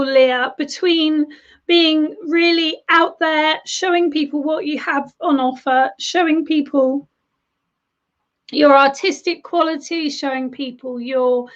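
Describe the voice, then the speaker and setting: A high-pitched woman gives live tarot readings to viewers, chatty and affectionate, calling them darling and love. Her voice is a little worn because she's losing it, and the stream audio is dull and lo-fi.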